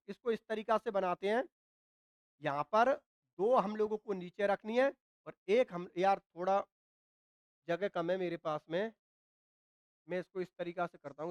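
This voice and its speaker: Coughing Hindi teacher with a dry throat. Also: male voice, sits high, clean tone, dry recording. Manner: asks students questions and answers them himself; repeats points, often says "ठीक है ना". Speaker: chemistry teacher. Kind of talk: classroom lecture at a whiteboard.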